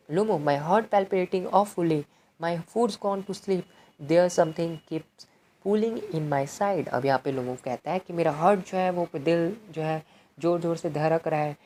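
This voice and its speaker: A woman with a low, mellow voice works through a play like a tutor. She reads each line aloud and then explains it in an easy, conversational way. There is a faint hiss of noise behind her. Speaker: English literature tutor. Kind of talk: explaining a play in Hindi with English quotes.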